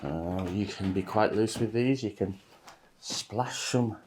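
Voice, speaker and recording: A man giving a relaxed, chatty watercolour painting demonstration, talking loosely with plenty of ums as he paints. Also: on the low side, slow pace, noisy background. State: a bit shaky from coffee. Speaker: watercolour teacher.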